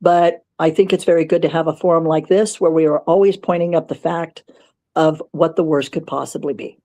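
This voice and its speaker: A woman with a mellow, soft-toned voice speaks on a panel. She is pensive and deliberate, leaving long pauses between phrases as she reflects. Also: deep voice, steady tone. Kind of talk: reflective closing remarks.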